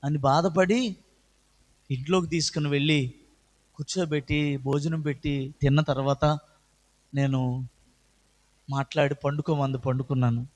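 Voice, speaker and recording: A middle-aged man giving an earnest personal testimony at church, his voice swelling loud and high at moving moments. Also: fairly even intonation, unhurried, pauses often. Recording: echoey hall with long reverb.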